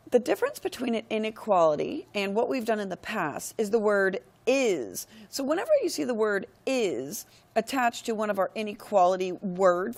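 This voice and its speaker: While recording her screen, a woman teacher works through a math lesson in a mid-range voice gone hoarse and gravelly because she is losing it. She explains each step steadily and methodically, often saying "all right, go ahead."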